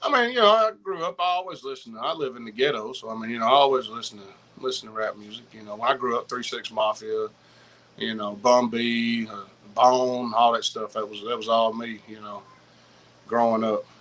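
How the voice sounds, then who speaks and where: A middle-aged man with a Southern US accent chatting casually as a podcast guest, rambling in slang and repeating himself excitedly. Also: medium pitch, fairly quick, rough recording. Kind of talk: casual chat, rambling anecdotes.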